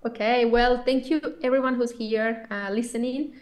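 A woman's voice: a little high, steady tone, moderate pace. A woman, talking earnestly and reflectively as a podcast guest. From Colombia. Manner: earnest, reflective, with frequent restarts. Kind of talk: podcast interview.

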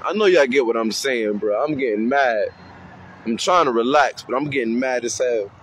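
A man's voice: mid-range voice, normal speed. A man speaking casually and from the heart about mentoring kids, outdoors on a city street. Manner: heartfelt, slangy, acts out kids' voices. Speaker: community outreach speaker. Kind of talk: casual street talk to camera. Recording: faint street noise outdoors.

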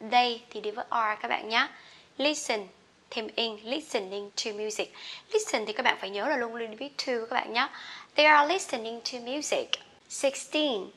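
A woman teaching an English grammar lesson. She explains in a chatty way and reads the example sentences slowly and loudly. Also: on the high side.

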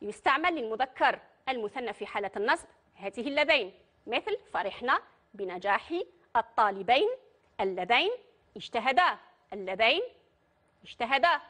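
A woman's voice: on the high side, animated, fairly quick, pauses often, bright, forceful tone. A woman with an Algerian accent teaching a primary school grammar lesson, patient and putting questions to her pupils. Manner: patient, addresses pupils directly and asks them questions. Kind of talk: Arabic grammar lesson for children.

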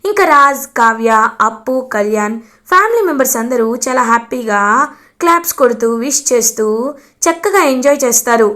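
A woman's voice: a little high, expressive, moderate pace, a bit bright. A woman casually retelling a story in a chatty way, with repeated filler phrases.

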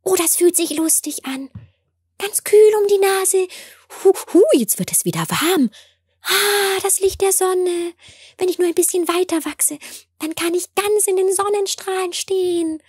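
A woman voicing a tiny newborn sprout in a storybook tale, with a soft, delicate little voice, gleeful and partly whispered. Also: very high-pitched, measured pace, dry recording, studio quality, pitched above the performer's own voice.

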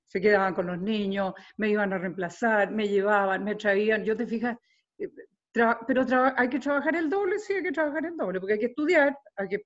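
An older woman from Chile with a Chilean accent, a singer talking in a casual interview, animated and often repeating words as she gathers her thoughts. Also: fairly high pitch. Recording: dull lo-fi sound.

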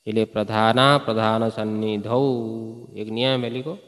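A man's voice: fairly low pitch, steady tone, measured pace, a bit bright, in a large hall. A man teaching Sanskrit grammar to a class, chanting verses and quizzing students with frequent questions. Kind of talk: classroom lecture.

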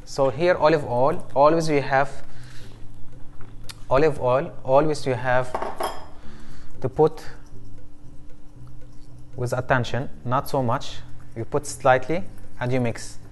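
A chef in his thirties giving a cooking demonstration in a studio kitchen, explaining each step in simple, halting English. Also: medium pitch, fairly even intonation, slight background noise. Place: studio kitchen set, indoors.

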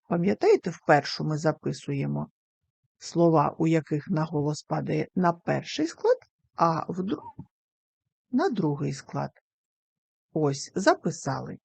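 A woman teacher giving a recorded lesson to young children, speaking slowly and carefully and sounding out words syllable by syllable. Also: deep voice, vocal fry, warm tone, no room sound. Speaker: primary school teacher.

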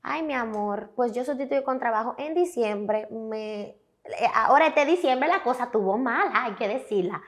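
A young woman with a Dominican Spanish accent, a guest telling her story in a candid, emphatic, animated way. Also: fairly high pitch, moderate pace. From Dominican Republic. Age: young adult. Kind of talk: candid interview talk.

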